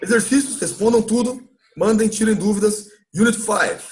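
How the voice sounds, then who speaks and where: A Brazilian man with a notably high-pitched voice leads a live English lesson. He explains patiently and drags out words slowly so that listeners can copy the pronunciation. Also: slight background noise. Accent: Brazilian Portuguese. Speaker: English teacher. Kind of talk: live online class recap.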